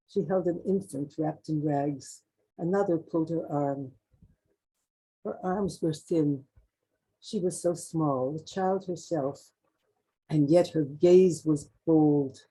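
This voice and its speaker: Older woman poet, dark mellow voice, unhurried poetry reading. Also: sits low, slightly rough, poor audio. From Canada. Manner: slow, measured recitation with occasional restarts.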